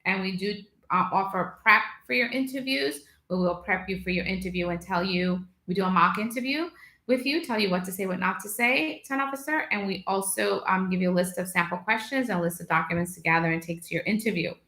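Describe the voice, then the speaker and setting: A woman from Guyana, a lawyer hosting a live video question session from her office, answering viewers briskly and reading out phone numbers slowly. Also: mid-range voice, sharp tone, roomy sound, low-quality recording. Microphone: video call setup.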